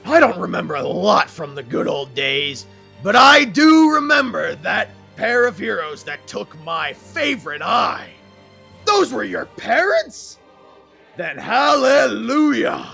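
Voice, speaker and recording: A man voicing a sadistic, hulking male monster who shouts drawn-out, mocking taunts. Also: high-pitched, very animated, vocal fry, soft background music, voice pushed up, heavily acted.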